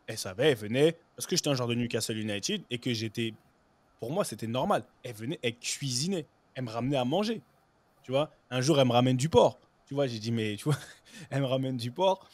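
A man in mid pitch telling stories from his playing days with loose, lively energy. He peppers his talk with "you know" and stray English words. The sound is close and dry, with no room around it. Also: fairly quick, no echo. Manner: lively anecdotes, "tu vois" fillers, bits of English. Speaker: guest, former pro footballer. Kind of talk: casual storytelling chat.

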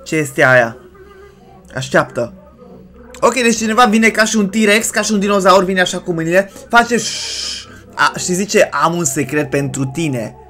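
A man hosting a reaction video, giving casual, excitable commentary with jokes and exclamations. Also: high voice, soft background music.

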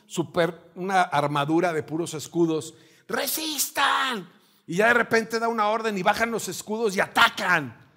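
A middle-aged man with a Mexican accent preaching a sermon as pastor, telling a story with animated energy and acting out shouted commands. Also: sits high.

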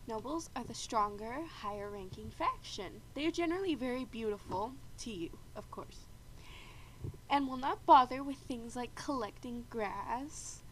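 Her voice fairly high and her speed normal, a woman hosts a video game while stuffed up from a bad cold. She casually narrates play and explains rules in a chatty, explanatory way, clearing her throat frequently; the audio is poor, with a constant hum of background noise.

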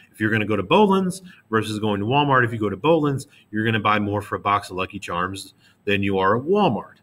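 Bright-voiced male teacher, casual lecture. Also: lowish voice. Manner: casual, conversational, acts out quick examples. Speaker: middle school history teacher. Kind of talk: classroom lecture.

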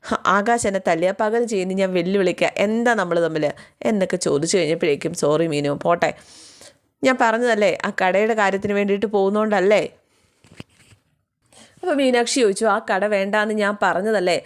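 A woman casually retelling a TV serial's plot, chatty and acting out the characters' lines herself. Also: medium pitch. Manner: chatty, with tags like "you know" and playful voices for the characters.

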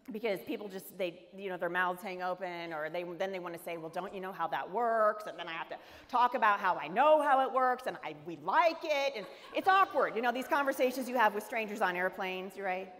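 A middle-aged American woman giving a humorous storytelling sermon, acting out the people in her story. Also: medium pitch. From United States. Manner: animated, humorous storytelling with character voices. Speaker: speaker. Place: large event hall. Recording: echoey hall reverb.

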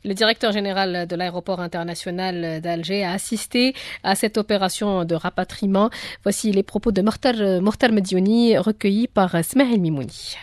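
A woman in her thirties anchoring a radio news bulletin at a studio microphone, reading in a measured, clear way. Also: medium pitch, a little mellow, no room sound. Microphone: studio boom mic with headphones.

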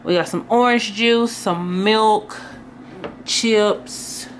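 A young woman vlogging casually in her kitchen, sounding tired and talking low and soft as she goes through her groceries. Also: drawn-out words, a little hiss or hum. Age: young adult. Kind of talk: casual vlog narration. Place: home kitchen indoors. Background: background music.

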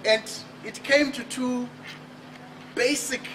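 At a book launch on an outdoor terrace at night, a Zimbabwean author and speaker with a high voice gives a slow, emphatic motivational speech full of rhetorical questions. A distant camera picks him up, with steady outdoor noise in the background.

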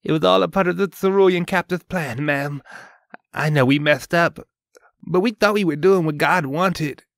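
A man's voice: a little high, normal speed, creaky, dry recording, clean studio sound, pitched above the performer's own voice. A man voicing a contrite subordinate pleading his case in an audiobook story.

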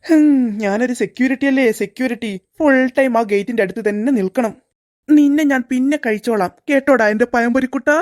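A woman's voice: high voice, brisk, a little mellow, lightly acted. A woman voicing a sneaky middle-aged male school security guard in a cartoon, muttering fondly to his snack and fretting about the principal. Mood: fretful. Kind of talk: cartoon voice acting.

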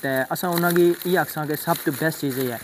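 A young man talks viewers through a helmet mount setup, his voice sitting a little high. He rambles and circles back to the same phrases. The recording is made outdoors on a phone, with faint ambient noise behind him. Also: brisk. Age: young adult. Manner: rambling, repeats "thik ai" and "check karne aan". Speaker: motovlogger. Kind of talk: casual unboxing and setup demo. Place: outdoors on a rooftop, then a roadside.

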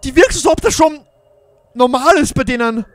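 A man's voice: very high voice, animated, moderate pace, no room sound, soft background music. A man giving jumpy, exclaiming commentary on a Minecraft role-play adventure, talking straight to his viewers. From Germany. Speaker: gaming YouTuber.

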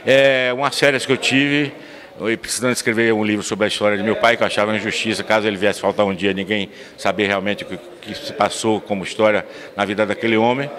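Older man, 60s, fast and expansive storyteller, crowd noise around. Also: lowish voice, steady tone. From São Miguel das Matas, Bahia, Brazil. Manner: earnest storyteller, expansive, restarts words. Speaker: interview guest, local historian. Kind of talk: recorded interview. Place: municipal council chamber, indoors. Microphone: handheld mic held by interviewer.

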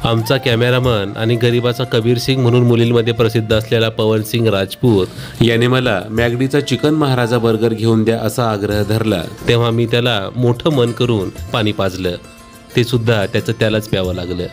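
A man in his thirties giving a scripted, deadpan comic voice-over for a travel vlog. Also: medium pitch, normal speed, soft background music. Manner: deadpan wry humor.

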